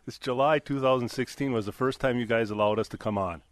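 A chatty man co-hosts a radio segment. His voice is of middle pitch, and he talks in a jovial, rambling manner. The sound is dry and close to the mic. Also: quick pace, no room sound. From Minnesota. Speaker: segment co-host. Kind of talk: casual radio talk.

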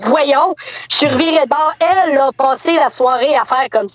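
A man's voice: moderate pace, no echo. A man with a Québécois accent calling in anonymously, his voice run through a voice changer to disguise it, speaking hesitantly with many fillers. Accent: Québécois French. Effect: voice changer disguising the voice, pitched up. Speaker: anonymous caller. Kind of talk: phone-in confession on radio. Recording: tinny phone line.

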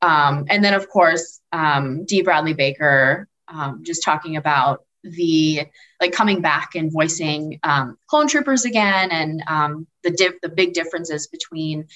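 A woman's voice: low voice, a little slow, fairly bright tone. A woman who is a guest on a podcast, talking casually in a hesitant way with many fillers. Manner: filler-heavy, hesitant phrasing. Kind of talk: casual chat.

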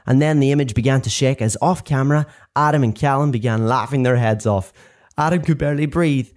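A man reading his own book aloud in lively, animated storytelling. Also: medium pitch, brisk. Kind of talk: expressive audiobook narration.

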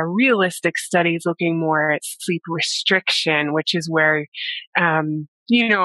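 A woman sleep scientist, a guest in an interview, explaining research in a measured way with frequent pauses and "you know". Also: low voice, bright, forceful tone, no echo, poor audio. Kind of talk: interview conversation.

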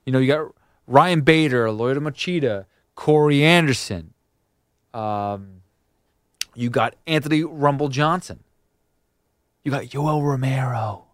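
A man's voice: mid-range voice, unhurried, long pauses, no room sound, clean studio sound. A man hosting a sports podcast, talking casually in an emphatic, colloquial way and often repeating his phrases. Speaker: podcast host. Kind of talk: casual MMA podcast talk and commentary.

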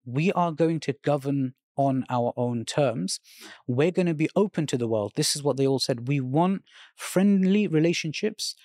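A man from Britain, heard in a dry recording, answers an interviewer at length in an earnest way. His voice sits at a middle pitch, and he retells conversations in detail. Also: normal speed, darkish tone, no echo. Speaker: interview guest.

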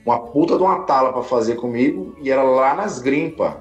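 Man, guest musician, animated slangy storytelling, quick pace, faint music behind. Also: mid-range voice, muffled recording. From Brazil. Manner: animated, slangy, talks fast. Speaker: guest musician, viola player. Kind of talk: casual storytelling interview.

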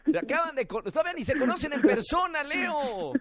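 A man hosting a playful radio dating segment, teasing and excitable. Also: very high voice, brisk, over a noisy crowd. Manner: teasing, excitable, laughs often. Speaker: radio host. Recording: radio show with music bed.

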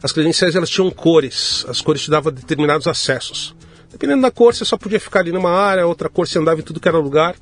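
A middle-aged man from Brazil, telling his story to an interviewer in a casual, lively way and acting out the voices of the people in it. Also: a little high, quick pace. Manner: lively anecdotal, acts out quoted dialogue. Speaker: guest entrepreneur.

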